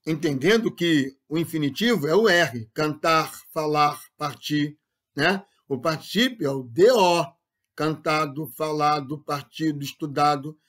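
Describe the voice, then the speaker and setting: Guy teaching grammar, fairly high voice, keeps asking if u got it. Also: unhurried, fairly bright tone. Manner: explains with frequent rhetorical check-ins and repetition. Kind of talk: classroom-style lecture.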